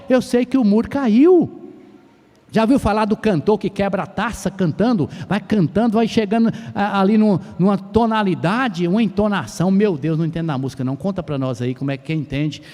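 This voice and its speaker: Male pastor, high voice, rhetorical questions, bursts of shouting, long church reverb. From Brazil. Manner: asks rhetorical questions, then swells to loud shouted exclamations. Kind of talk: sermon. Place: church sanctuary.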